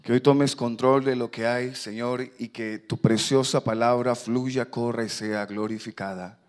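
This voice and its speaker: A pastor leading a fervent, loud prayer and preaching a sermon. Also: male voice, medium pitch, fairly even intonation, unhurried.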